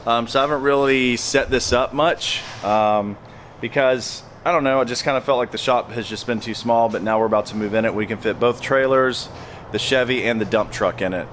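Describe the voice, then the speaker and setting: A man's voice: mid-range voice, a little fast, a bit bright, slight background noise. Plain-spoken man vlogging on a handheld camera. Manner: plain-spoken, emphatic, repeats phrases. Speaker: landscaping business owner. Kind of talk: casual vlog talk to camera.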